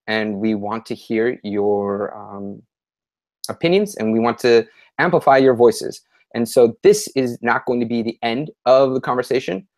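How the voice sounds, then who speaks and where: A young man in his twenties hosting an online panel discussion, speaking with many fillers and restarts. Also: mid-range voice.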